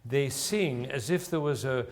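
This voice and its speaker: The recording, with a little hiss or hum, captures a man teaching a voice masterclass to a singer in a room with an audience present. He speaks at a measured pace in a mid-range voice. He encourages, explains as he goes, and demonstrates sounds and phrases.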